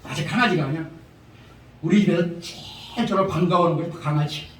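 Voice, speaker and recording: A man's voice: fairly high pitch, a little fast, a little hiss or hum. A man preaching a revival sermon as a pastor, telling humorous stories with chuckles and emphatic repetition. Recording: echoey prayer-house hall from far off.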